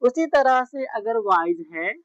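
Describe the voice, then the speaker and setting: A woman teaching English grammar slowly, spelling words out and checking in often with her students. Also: on the high side, expressive, no echo. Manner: slow, repetitive, spells words out letter by letter with frequent check-ins. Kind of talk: classroom grammar lesson. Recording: dull, muffled lo-fi sound.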